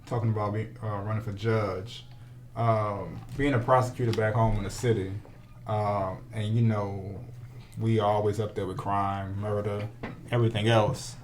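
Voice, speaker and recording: A man's voice: on the low side, little pitch movement, moderate pace, a little hiss or hum. A man hosting a podcast, asking questions in an easygoing, loose way full of ums. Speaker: podcast host. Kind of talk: casual podcast interviewing.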